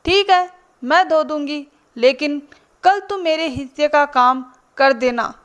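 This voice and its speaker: A woman's voice: high voice, a little slow. A woman voicing a harried, irritable elder daughter-in-law in a spoken storybook. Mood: irritated. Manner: irritable, defensive.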